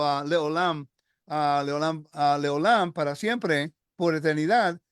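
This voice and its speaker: Guy chatting about bible hebrew, kinda high voice, dry sound, keeps restarting. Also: dry recording. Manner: earnest, emphatic, many fillers and restarts. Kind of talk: casual religious discussion.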